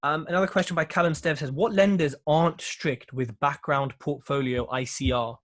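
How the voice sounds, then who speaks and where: A man's voice: on the high side, normal speed, a bit bright. A man hosting a casual live Q&A, breezy and joking, with slangy asides. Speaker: show host asking listener questions.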